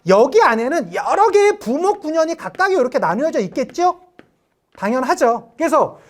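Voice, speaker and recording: A woman giving an exam-prep history lecture, firing off rhetorical questions and briefly acting out quotes. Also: sits high.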